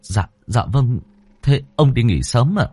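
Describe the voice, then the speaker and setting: A man's voice: medium pitch, big pitch swings, measured pace, breathy edge, no room sound, soft background music, voice pushed up, full character voice. A man voicing an anxious, deferential young male servant calling out to his master. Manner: eager, deferential, loud calling.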